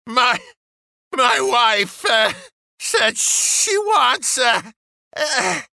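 Storybook old fisherman, meek and stammering, slow drawl, bright lively tone, woman acting it. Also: a little high, gravelly, dry recording, studio quality, exaggerated voice. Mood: pleading. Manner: stammering, hesitant. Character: meek, timid old male fisherman, poor and kind. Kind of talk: children's audio storybook acting.

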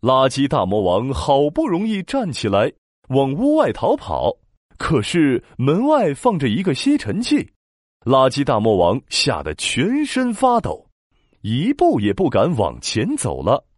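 A man narrating a children's story in a dramatic, expressive storytelling manner. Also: medium pitch, measured pace, no echo, studio quality. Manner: dramatic, expressive, with sound-word emphasis.

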